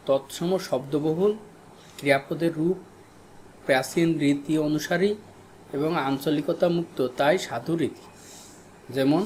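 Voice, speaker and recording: A man from Bangladesh teaching a grammar lesson, repeating key terms slowly for his students. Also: a little high, a little mellow, slight background noise. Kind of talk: recorded classroom lesson.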